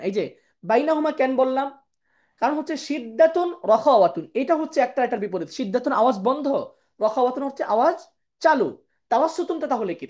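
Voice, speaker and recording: A woman teaching an online tajweed lesson who explains patiently, keeps checking in with her students, and chants the Arabic terms slowly in pairs. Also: fairly high pitch, a little mellow, lo-fi sound. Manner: explains patiently, checks in with "ঠিক আছে?" and "কেমন?". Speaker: Quran recitation teacher.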